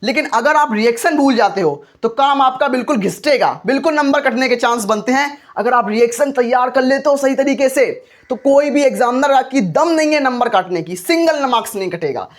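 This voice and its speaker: A man's voice: very high voice, a little fast, hardly any pauses. Earnest man teaching chemistry. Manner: repetitive call-and-response questioning; earnest and encouraging. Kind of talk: board exam chemistry lesson.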